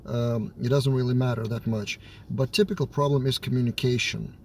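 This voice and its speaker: A software developer and team lead with a Lithuanian accent talks casually to camera, his medium-pitched voice a bit rough from a slight cold. He thinks aloud a little quickly, with fairly even intonation and hesitations and fillers between phrases. There's a slight hiss or hum in the recording.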